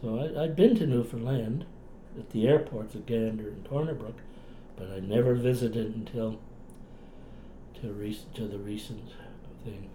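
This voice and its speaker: An elderly man reminisces in a relaxed Cape Breton accent, talkative and folksy. His voice is mellow and soft-edged. He is recorded in a roomy, echoing space at home with faint noise behind him. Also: lowish voice, unhurried. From Cape Breton, Canada. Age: older, past retirement. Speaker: interviewee, retired clinician and writer. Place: indoors in a home.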